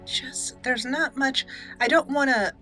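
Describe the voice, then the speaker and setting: A woman with a high, sharp voice plays a game at an unhurried pace, chatting and thinking aloud in casual let's play commentary. She hosts a gaming channel, and game music plays behind her.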